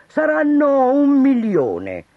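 A man voicing a mysterious, sly stranger who speaks calmly and with a quiet menace, in a storybook reading. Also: very high voice, vocal fry, no room sound, narrow, tinny audio, pitched above the performer's own voice, full character voice. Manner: calm, measured, softly menacing. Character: mysterious tall thin male stranger, calm and sly.

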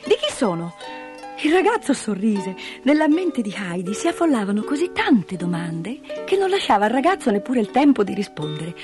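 Lively woman reading a children's story. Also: a little high, moderate pace, few pauses. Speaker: narrator. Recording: dry close mic, soft music behind.

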